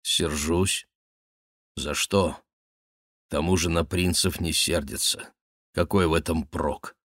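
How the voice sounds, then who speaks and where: A man's voice: sits low, steady tone, slow, a bit bright, no echo, studio quality, heavily acted. A man voicing a sick, sullen nobleman in an audiobook, speaking tersely and coldly in a muttered tone. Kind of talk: audiobook reading.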